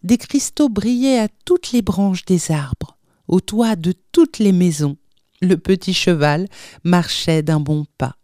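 A woman reading a story aloud, with slow, measured narration and lively voiced dialogue. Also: on the low side, dry recording, studio quality. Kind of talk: audiobook narration with acted dialogue.

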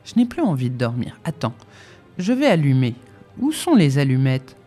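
A woman's voice: very deep voice, sing-song, moderate pace, mellow, faint music behind, heavily acted. A woman voicing a teasing, self-assured male deputy prosecutor who mocks his wife. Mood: calm. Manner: mocking, condescending.

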